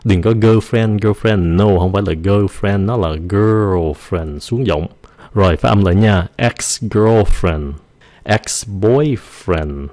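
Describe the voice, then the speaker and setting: Low-voiced male teacher, vocabulary lesson, mixes English into his explanations, slow drawn-out pronunciation demos. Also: a little mellow.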